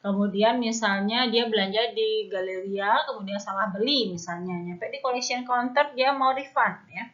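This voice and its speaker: A woman's voice: mid-range voice, moderate pace, few pauses, fairly bright tone. A woman with an Indonesian accent teaching an online Mandarin class, explaining patiently step by step and often tagging her phrases with "ya". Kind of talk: online language lesson. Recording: dull lo-fi recording.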